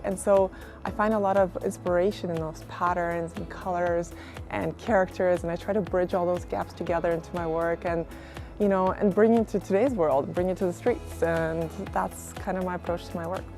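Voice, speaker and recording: Reflective woman artist over soft music. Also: fairly low pitch, steady tone, normal speed. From Kazakhstan. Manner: reflective, many fillers like "sort of" and "like". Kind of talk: interview monologue.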